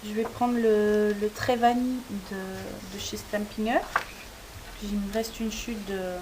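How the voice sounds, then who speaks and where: A woman hosting a crafting tutorial, explaining each step as she works, often pausing with hesitant fillers. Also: mid-range voice. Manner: hesitant, frequent "euh" fillers while working. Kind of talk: step-by-step demonstration. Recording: steady tape-like hiss.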